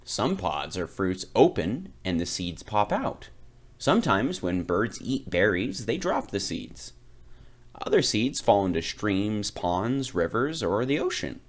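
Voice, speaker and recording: Reading a children's picture book aloud, a man with a lowish voice gives deliberate phrasing and expressive emphasis.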